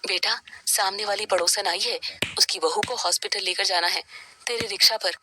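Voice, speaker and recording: A woman voicing an older mother-in-law who speaks in a weary, warm-hearted way, in a noisy cartoon recording. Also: medium pitch, fairly even intonation, normal speed, pitched below the performer's own voice, close to an everyday voice. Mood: urgent. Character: older mother-in-law, kind and worn, loyal.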